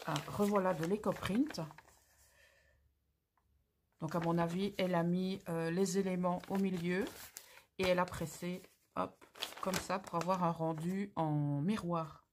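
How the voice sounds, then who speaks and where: A woman's voice: on the low side, steady tone, unhurried, long pauses, a little hiss or hum. Gushing woman hosting a craft unboxing. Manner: gushing, exclamatory, slangy. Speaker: craft channel host. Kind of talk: casual unboxing commentary.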